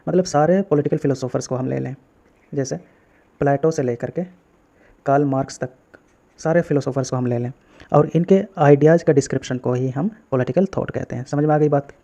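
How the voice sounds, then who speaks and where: A man's voice: mid-range voice, brisk, gravelly, warm tone. A male political science teacher, giving a recorded exam-prep lecture and often checking whether students have understood. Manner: explains step by step, checks understanding with repeated questions.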